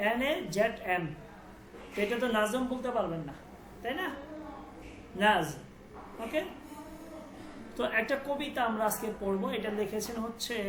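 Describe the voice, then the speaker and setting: A woman teaching a language class, patiently repeating words slowly for her students. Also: on the high side. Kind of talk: online class lesson. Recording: echoey room with background noise.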